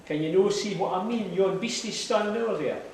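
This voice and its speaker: A man's voice: sits high, brisk, gravelly, darkish tone. A man with a broad Scottish accent giving a live recital of comic dialect verse. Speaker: amateur poetry reciter. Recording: very echoey hall, distant mic, noisy.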